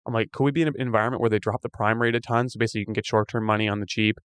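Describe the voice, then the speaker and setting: Fast-talking man, smooth and dry. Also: on the low side, no echo. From Canada. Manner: fast, animated, thinking aloud. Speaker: podcast co-host. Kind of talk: casual chat.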